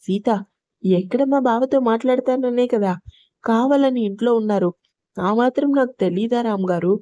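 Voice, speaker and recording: A woman's voice: a little high, normal speed, warm tone, no room sound, natural voice. A woman voicing a hurt young wife who answers her husband with reproach in a told story. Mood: reproachful. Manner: reproachful, pleading. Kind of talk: storybook narration.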